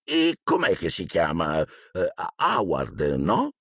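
A man's voice: deep voice, huge pitch swings, slow, a bit bright, husky, no room sound, clean studio sound, voice pushed down, heavily acted. A man voicing a nervous, stuffy middle-aged husband who mumbles and hesitates, in an audiobook reading.

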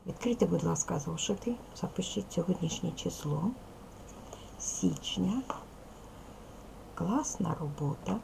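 A woman's voice: lowish voice, expressive, a little slow, gravelly, long pauses, mellow, a little hiss or hum, low-quality recording. A woman teaching a recorded lesson to young children, patiently asking questions, praising answers and reading a poem aloud. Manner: reads a poem aloud expressively. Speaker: primary school teacher.

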